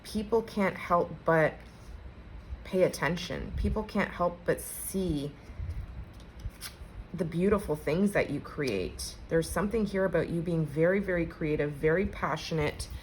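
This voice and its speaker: Low-voiced woman giving a chatty tarot reading. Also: unhurried, slight background noise, rough recording. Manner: chatty, conversational, addresses viewers directly. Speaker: tarot reader. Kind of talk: casual collective tarot reading.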